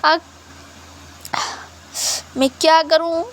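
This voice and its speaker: A woman's voice: very high voice, flat delivery, extremely slow, heavily acted. A woman voicing a young male sea creature who has lost his pearl, talking in a whiny, frustrated way. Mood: distressed.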